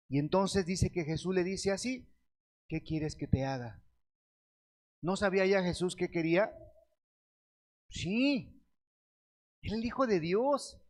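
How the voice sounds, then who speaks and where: A man preaching a sermon, reading scripture slowly and asking the congregation questions that he answers himself. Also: on the high side, a little mellow. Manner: reads scripture aloud with slow stretched words; addresses the congregation as beloved brethren.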